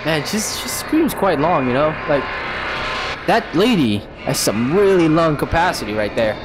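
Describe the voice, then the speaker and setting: Over game music, a man streams a game live, chatting and mocking himself with sudden screams and laughs. His voice is on the high side and very animated, at a moderate pace.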